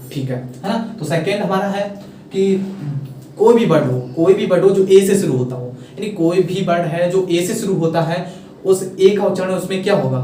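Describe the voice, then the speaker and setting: A man teaching English pronunciation in a casual classroom style, repeating his questions and urging viewers to comment quickly. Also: on the high side, a little mellow, slight background noise. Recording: very echoey room, mic at a distance.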